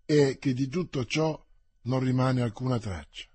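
A man voicing a bold young male musketeer in an audiobook reading, speaking briskly and emphatically. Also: medium pitch, warm tone, slightly rough, no room sound. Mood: brooding.

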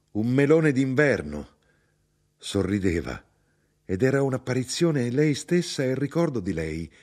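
A man's voice: lowish voice, breathy edge. Man reading a novel expressively. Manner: expressive literary reading, varied intonation. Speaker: narrator. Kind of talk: audiobook reading.

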